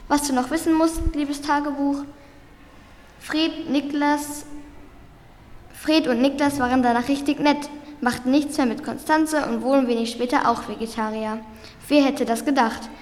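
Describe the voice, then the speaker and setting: A woman's voice: sits high, fairly even intonation, moderate pace. A woman carefully reading a diary-style story aloud, with small slips. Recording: roomy recording with long reverb and faint background noise.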